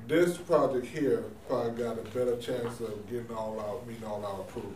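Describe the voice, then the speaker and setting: A man's voice: mid-range voice, brisk, a little mellow. A man in an official role explaining things informally at a meeting, folksy and sprinkling in 'you know'. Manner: folksy, uses y'all and frequent 'you know'. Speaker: housing authority official presenting. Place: indoor meeting room. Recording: echoey room, distant mic, clear noise.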